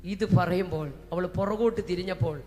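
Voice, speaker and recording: A woman preacher from Kerala giving a fervent Pentecostal sermon. She swings between shouting and hushed talk and breaks into speaking in tongues. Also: on the low side, moderate pace. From Kerala, India. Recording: echoey hall with faint music.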